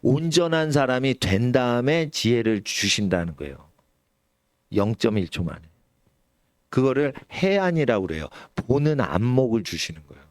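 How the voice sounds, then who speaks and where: Brief: middle-aged male pastor, animated sermon delivery, wide pitch swings, dry close sound. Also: moderate pace, no room sound. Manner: animated, suddenly shouts or drops low, acts out quoted elders. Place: church sanctuary.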